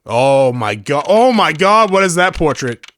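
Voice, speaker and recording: A man's voice: on the high side, very animated, unhurried, a bit bright, dry recording, studio quality. A man hosting a let's play with casual, rambling commentary, often questioning himself. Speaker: let's player and host.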